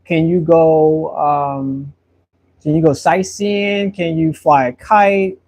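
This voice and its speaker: A man in his thirties talks casually while he paints and answers viewers. His voice sits a little high for a man. He rambles in a friendly way and often repeats words as he searches for what to say next. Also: fairly even intonation, takes it slowly, a little mellow. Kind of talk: casual live-stream chat while painting.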